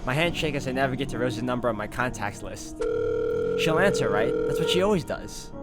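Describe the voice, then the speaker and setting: Animated and fairly quick, a medium-pitched man reads a visual novel aloud with expression while hosting a game walkthrough, slipping in his own commentary. Loud music plays over his voice.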